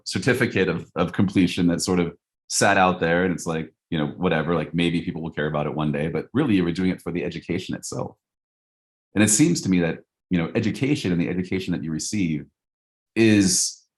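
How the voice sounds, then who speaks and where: Very deep-voiced man musing casually. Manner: reflective, loose with frequent "like" and "you know". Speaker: podcast co-host. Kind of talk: casual podcast chat.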